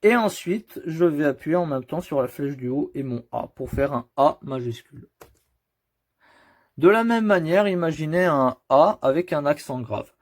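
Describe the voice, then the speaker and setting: A man's voice: on the high side, expressive, normal speed. A man explaining keyboard shortcuts step by step in a computer tutorial, patient and addressing the viewer directly. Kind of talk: screen-recorded keyboard tutorial.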